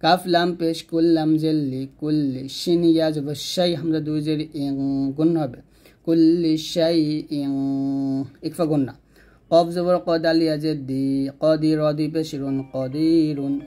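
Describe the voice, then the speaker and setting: A man teaching Quran recitation, chanting each verse slowly and drawn out, then explaining the letters and pauses. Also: on the high side, fairly even intonation, dark tone. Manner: slow drawn-out chanting of verses between quick spoken explanations.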